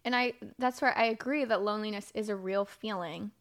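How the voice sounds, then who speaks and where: A woman's voice: mid-range voice, fairly quick. Candid woman hosting a podcast. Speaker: podcast host. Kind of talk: casual, confessional podcast talk.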